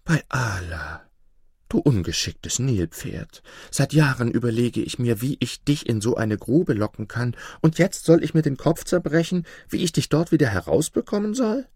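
A man narrating a fable and voicing a sly fox with lively, expressive delivery. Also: mid-range voice, moderate pace, slightly rough, no room sound, clean studio sound. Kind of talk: storytelling narration.

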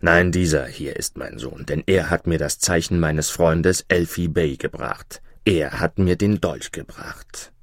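A man's voice: low voice, measured pace, hardly any pauses, no echo, studio quality. A man voicing a domineering, stubborn prince in a fairy tale. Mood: imperious. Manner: imperious, gruff.

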